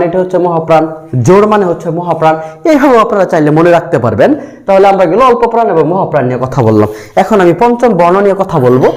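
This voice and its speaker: A man's voice: high-pitched, darkish tone. A male teacher giving a methodical spoken grammar lesson, spelling out sounds one by one. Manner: methodical, repeats letters one by one while explaining.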